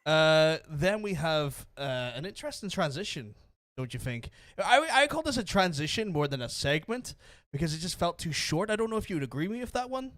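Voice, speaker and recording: A man with a Belfast Irish accent co-hosting a wrestling podcast in casual chat, excitable and quick to laugh. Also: on the high side, no room sound, clean studio sound. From Northern Ireland. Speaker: podcast co-host.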